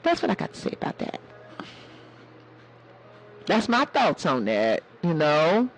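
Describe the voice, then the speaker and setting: A man putting on a sassy, hoarse elder woman. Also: high-pitched, low-quality recording. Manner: sassy, calls listeners baby and honey. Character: sassy elder woman, preachy motherly sage. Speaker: live-stream host. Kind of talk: preachy casual live-stream talk.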